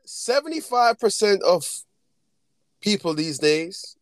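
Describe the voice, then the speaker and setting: A young man in casual chat on a podcast, animated and slangy, saying bro often. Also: high-pitched, slow pace, dry recording.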